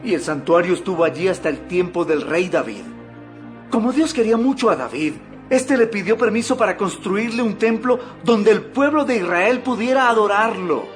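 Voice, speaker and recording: Impassioned high-voiced preacher Stephen. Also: male voice, lively intonation, normal speed. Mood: solemn, declaiming. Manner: oratorical, emphatic, declamatory. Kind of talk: dramatized audio Bible acting. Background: background music.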